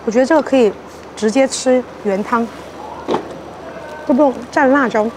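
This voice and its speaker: High-voiced young woman food vlogger, playful. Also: normal speed, background noise. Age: young adult. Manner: playful, exclamatory, talks while eating. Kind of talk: casual mukbang chat to camera. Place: outdoor table at a street-side restaurant.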